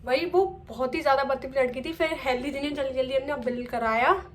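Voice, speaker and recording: A woman's voice: high-pitched, fairly even intonation, fairly quick. A young woman vlogging at home in a chatty way, first cooking in her kitchen and then telling a story, often checking in with "okay". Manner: chatty, peppers speech with "okay". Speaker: family vlogger.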